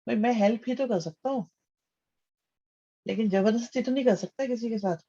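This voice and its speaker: In a live online maths class, a man with a very high-pitched, warm voice speaks briskly. He calls students "beta," reads out their names, praises their answers and repeats his questions back to them. The sound is lo-fi.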